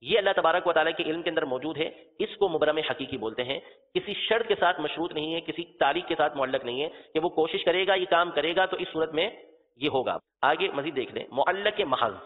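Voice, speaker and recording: A man giving a religious lecture, explaining patiently, repeating his examples and spelling out terms letter by letter. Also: a little high. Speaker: religious teacher. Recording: tinny phone-like sound with long reverb.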